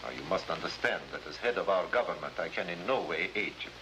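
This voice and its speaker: A supporting actor voices a stately Latin American president in a 1950s spy drama, his male voice lowish and measured yet animated. He sounds grave, formal and cautious, and the old broadcast recording is noisy.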